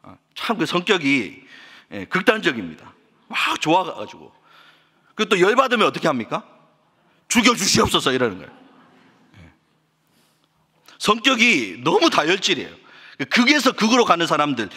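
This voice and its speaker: A man's voice: high-pitched, wildly swooping pitch, a little fast, sharp tone, husky. A man, a pastor, delivering an impassioned sermon that rises and falls, recorded in a church sanctuary. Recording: long church reverb.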